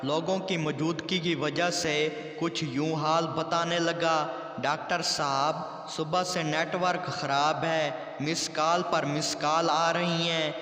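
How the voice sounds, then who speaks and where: A man with a fairly high voice tells one short joke after another at a slow, sing-song pace. His voice rings in an echoey room with a long reverb tail. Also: steady tone, pushed and bright. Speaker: joke narrator. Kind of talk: reading jokes aloud.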